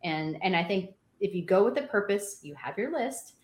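Woman, fitness trainer, casual chat, energetic, echoey room. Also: mid-range voice, moderate pace. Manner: energetic, advice-giving, laughs often.

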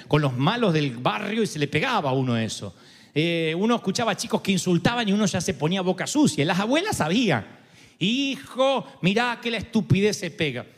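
A male pastor, preaching a sermon in an animated way and acting out quoted voices. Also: high-pitched. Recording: long hall reverb.

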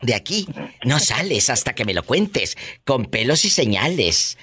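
A radio host with a Mexican accent trades casual banter, playful, teasing, joking and exclamatory. His mid-range voice is bright and forceful, very animated yet at a measured pace.

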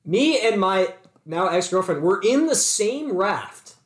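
A man's voice: sits high, takes it slowly. A young man co-hosting a podcast, telling a story in casual chat and acting out both sides of an argument. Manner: animated storytelling, acts out both sides of quarrels. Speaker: podcast co-host. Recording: echoey room.

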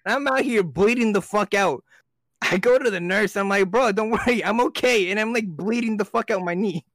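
A man's voice: high voice, a little fast, a bit bright, no echo, studio quality. A young man co-hosting a casual podcast chat, telling rambling stories with lots of swearing and laughter. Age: young adult. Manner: rambling storyteller, swears a lot, laughs often. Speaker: podcast co-host.

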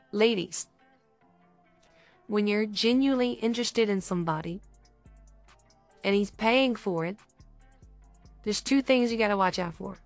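A woman co-hosts a podcast in a casual advice chat, lively and playful, slipping into other people's voices. Her voice is dry and close, with faint music playing underneath. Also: mid-range voice, no room sound. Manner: animated, acts out dialogue with others' voices. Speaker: podcast co-host.

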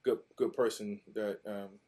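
Low-voiced man telling stories. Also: measured pace. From Mississippi, USA. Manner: animated, loose, repeats and restarts, acts out quotes. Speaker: guest, former pro football player. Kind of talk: casual interview storytelling.

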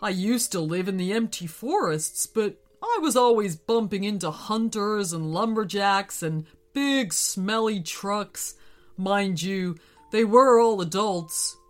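A woman's voice: medium pitch, animated, slow, faint music behind. A woman voicing a huge, grumpy but friendly male yeti who grumbles with a folksy, exasperated manner. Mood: grumbling.

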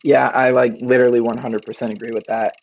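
Gravelly young man, laid-back guest. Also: medium pitch, flat delivery, fast talker. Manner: laid-back, rambling, many "you know" fillers. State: slightly hoarse. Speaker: guest, print-on-demand business owner. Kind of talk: casual interview chat. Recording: dull lo-fi sound with faint noise.

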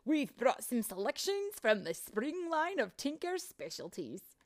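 A woman playing a chirpy male tinker fairy, eager and showman-like, in a high, bouncy voice. He is a storybook fairy full of cheer, pitched up and swinging in tone. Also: very animated, a little slow.

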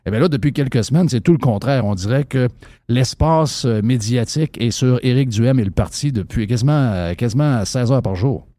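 A man's voice: mid-range voice, a little fast, mellow, no echo. A man with a Québécois French accent hosting a political talk radio interview, talking in a rambling, hesitant way full of fillers and restarts. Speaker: radio show host.

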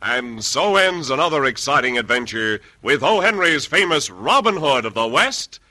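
Bright, dramatic male radio announcer. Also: medium pitch, very animated, normal speed. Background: organ music.

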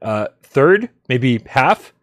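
A man hosts a casual live gaming stream, laid-back and jokey, bantering with his co-host, reading out viewer tips and often stumbling and restarting his sentences. He is a podcast host with a medium-pitched voice, big pitch swings and a very slow pace. The audio is studio quality with no echo.

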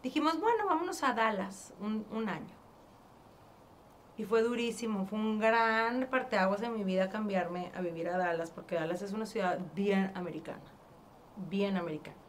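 A woman from northern Mexico with a northern Mexican accent, telling her story as an interview guest in a casual, animated way, acting out past conversations and often restarting her sentences. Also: medium pitch, normal speed, a little hiss or hum. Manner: animated, acts out past dialogue, frequent restarts.

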